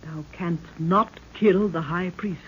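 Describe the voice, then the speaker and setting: A woman gives a full character performance as a regal African queen in an old radio serial, the recording muffled and noisy. Her husky voice is fairly low and slow, and her speech is archaic, declamatory and solemn, carrying a grave sense of foreboding.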